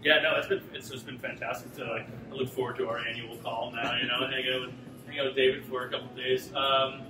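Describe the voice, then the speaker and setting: A man's voice: mid-range voice, fast talker, background noise. Chatty man recorded from across an echoey taproom. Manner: relaxed and chatty, many fillers. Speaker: brewmaster. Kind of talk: casual interview. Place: brewery taproom with concrete block walls. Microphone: camera mic from a few meters away. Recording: echoey room, distant mic, loud music.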